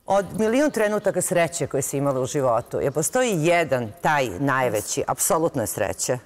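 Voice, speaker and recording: A woman's voice: low voice, animated, a little fast. A woman in her fifties hosting a TV talk show, asking persistent questions in a playful, teasing way. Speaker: host.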